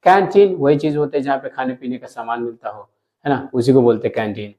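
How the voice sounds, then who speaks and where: A man teaching a lesson to viewers, explaining slowly, repeating words and asking himself questions as he goes. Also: mid-range voice, mellow. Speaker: English teacher.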